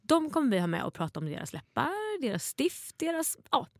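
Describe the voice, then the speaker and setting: A woman's voice: high voice, huge pitch swings, no room sound, studio quality. A middle-aged woman from Småland, co-hosting a podcast in a casual, informal and wordy chatting style. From Småland, Sweden. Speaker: podcast co-host.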